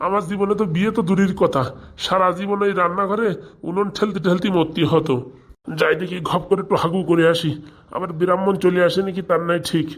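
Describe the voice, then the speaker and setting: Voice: mid-range voice, close to an everyday voice. A voice actor playing a vain, boastful master who chats to the audience about his wedding plans, in a comic cartoon. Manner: chatty, boastful, talks to the audience. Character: vain wealthy master man planning a wedding.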